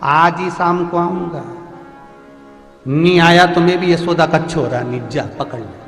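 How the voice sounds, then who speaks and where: A sassy little mischief-maker of a boy, as a storytelling preacher voices him, talking back with cheeky confidence. The voice rings through a large, reverberant hall, with soft music far behind. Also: a little high, measured pace. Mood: defiant. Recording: echoey hall with faint music.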